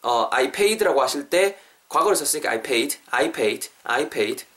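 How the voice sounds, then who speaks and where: Animated man drilling English phrases. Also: medium pitch, slow pace. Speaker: English teacher, podcast host. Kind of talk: podcast English lesson.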